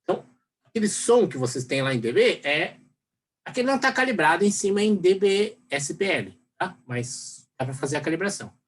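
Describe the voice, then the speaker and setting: Rambling Brazilian lecturer, lively pitch. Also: male voice, brisk, a little hiss or hum. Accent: Brazilian Portuguese. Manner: rambling, full of fillers and tag questions. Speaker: university professor. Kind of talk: recorded lecture.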